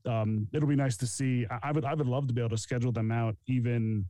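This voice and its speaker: A man's voice: mid-range voice, fairly even intonation, fast, mellow, dry recording. A man co-hosting a casual live-stream chat in an easygoing, agreeable way. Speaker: co-host.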